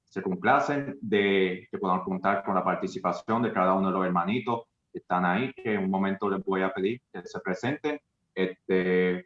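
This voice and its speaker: Man, low voice, formal church moderator, dull lo-fi audio. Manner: formal, blessing-filled announcing. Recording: echoey, dull lo-fi sound.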